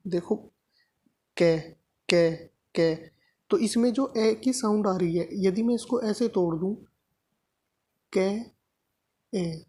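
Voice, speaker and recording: A woman's voice: mid-range voice, warm tone, breathy edge. A woman teaching a grammar lesson to exam students, explaining step by step and answering her own questions. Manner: repeats points with frequent "thik hai" checks.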